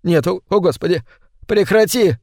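A man's voice: on the high side, big pitch swings, slow pace, no room sound, clean studio sound, heavily acted. A man voicing a terrified grown man who calls out in fear and pleads in panic. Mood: sobbing panic. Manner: frightened pleading shouts.

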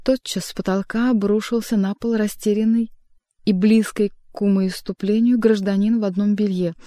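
A woman narrating an audiobook in a measured, expressive reading style. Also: medium pitch, no echo, clean studio sound. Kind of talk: scripted narration.

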